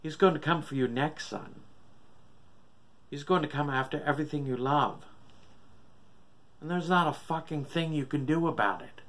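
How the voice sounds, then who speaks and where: A man's voice: a little high, moderate pace, long pauses, fairly bright tone, pitched above the performer's own voice, lightly acted. A man voicing a sick old father gone mad with doom, preaching bitterly and profanely in a horror story reading. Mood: menacing.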